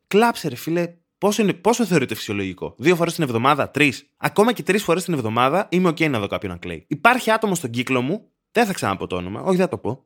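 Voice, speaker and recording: A man in his thirties hosting a solo podcast from his bedroom, ranting in a sardonic, deadpan way. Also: a little high. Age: 30s. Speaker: podcast host. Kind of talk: solo comedic podcast monologue.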